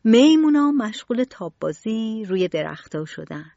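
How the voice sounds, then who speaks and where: A woman's voice: a little high, creaky, dry recording. Woman narrating a children's storybook. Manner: expressive, varied delivery. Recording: dull lo-fi recording.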